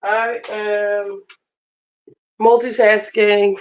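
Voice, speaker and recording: A woman with a hoarse voice chatting casually on a livestream while she cooks in her kitchen. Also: mid-range voice, little pitch movement, extremely slow, heavy background noise. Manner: chatty, multitasking while cooking. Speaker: livestream host. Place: home kitchen, running water. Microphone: phone camera.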